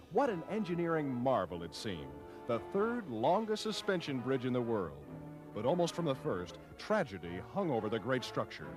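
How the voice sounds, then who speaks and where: A man narrating an old newsreel in a dramatic, declamatory 1940s style. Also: mid-range voice. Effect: old newsreel soundtrack. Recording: old newsreel soundtrack with music behind. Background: music.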